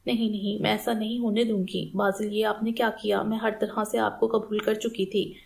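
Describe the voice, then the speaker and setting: A woman's voice: mid-range voice, little pitch movement, gravelly, a little mellow, lightly acted. A woman reading the lines of a loyal young wife who is frightened in an audiobook novel. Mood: distressed.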